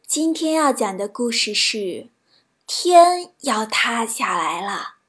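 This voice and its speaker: A woman reading children's stories aloud, in a gentle storybook narration with a soft delivery. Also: fairly high pitch, big pitch swings, slow pace.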